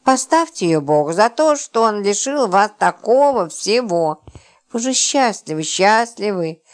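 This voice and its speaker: A woman reading an audiobook, voicing a sharp-tongued young wife who mocks and teases. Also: mid-range voice, sing-song, a little slow. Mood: teasing. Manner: scornful, teasing and pert.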